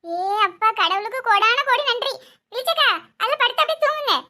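A woman's voice: very high-pitched, animated, brisk, noisy background. A woman voicing a tired elder sister in a cartoon, exasperated and coaxing, with a Kanyakumari Tamil accent. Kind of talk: cartoon voice acting.

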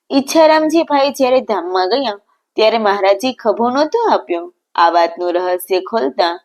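A woman telling a devotional story as scripted narration, in a measured, reverent recitation. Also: medium pitch.

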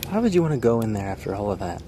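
A man's voice: lowish voice, sing-song, rapid-fire. A young man chatting casually, nervous and protesting, on noisy handheld camera audio. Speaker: vlogger's companion filming. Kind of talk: casual chat. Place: abandoned building at night.

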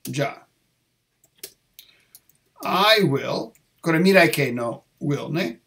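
A man who teaches English, going through test answers and mixing English and Japanese as he repeats phrases slowly. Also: on the high side, animated, creaky, a bit bright.

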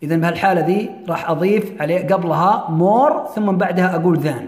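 High-voiced man teaching English grammar. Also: darkish tone, echoey room. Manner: switches between slow, drawn-out English and quick Arabic explanations. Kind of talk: bilingual grammar lesson.

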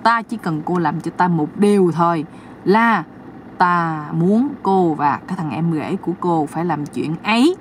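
A woman voicing a stern male river spirit who gives slow, commanding orders, recorded from a distance with faint noise behind. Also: on the low side, lively intonation, pitched below the performer's own voice.

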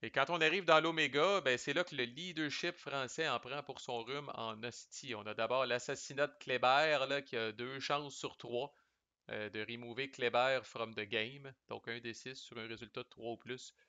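Québécois male reviewer, bright and forceful delivery, chatty and slangy, dry slightly muffled recording. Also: medium pitch, fairly even intonation, moderate pace, no echo. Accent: Québécois French. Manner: chatty, loose, sprinkles English game terms and salty slang. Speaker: board game reviewer. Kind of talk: casual explanatory commentary.

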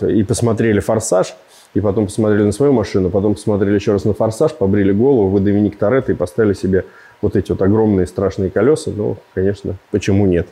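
Joking man reviewing a car. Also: fairly low pitch. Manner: joking, rambling, animated with gestures.

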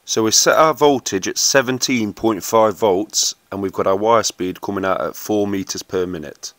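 A man giving a steady, instructive voice-over for a welding tutorial and talking straight to viewers. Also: on the low side, normal speed, no room sound.

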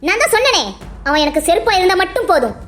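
A woman's voice: extremely high pitch, animated, fast talker, a bit bright. A woman voicing a scheming, spiteful young woman who talks coldly and defiantly in a cartoon drama. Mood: sneering. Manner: cold, defiant, sneering. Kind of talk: Tamil cartoon voice acting.

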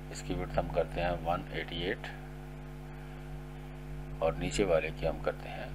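A middle-aged man with a very low voice talks through a screen-recorded coding tutorial. He explains each step in a steady, polite way. A faint hum sits under his voice. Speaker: tutorial instructor.

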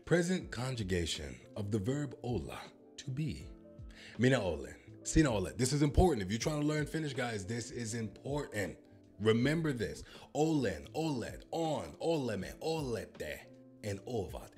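A very animated American man in his thirties, with a low, darkish voice at a moderate pace, reacts to a language-learning app with jokes and boasts as soft music plays behind him. He uses a handheld microphone in a home studio bathed in purple light, keeping the commentary playful.

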